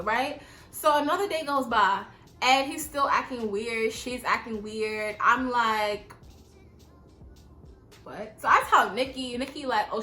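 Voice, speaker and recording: A young woman tells a storytime, full of slang and swearing, and keeps calling her viewers y'all. Her voice sits a bit high and rings bright and sharp. The room is echoey, with faint noise behind her. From New York. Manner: animated, slangy, profane, addresses viewers as y'all. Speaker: vlogger. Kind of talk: casual storytime.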